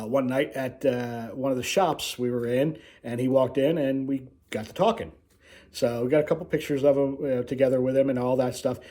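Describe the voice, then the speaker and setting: A man hosting a casual, unscripted video, telling his story in a rambling way with frequent pauses. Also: medium pitch, darkish tone. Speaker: video host, cruise vlogger.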